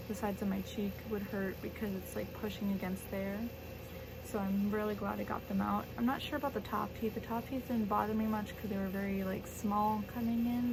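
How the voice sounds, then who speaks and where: A young adult woman giving a casual, rambling, conversational update to camera as a vlogger. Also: mid-range voice. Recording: clearly noisy home camera recording.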